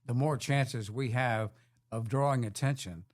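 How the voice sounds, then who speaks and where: A man's voice: medium pitch, a little slow, dry recording, clean studio sound. A man, an actor guest in a casual interview, earnest with a joking side.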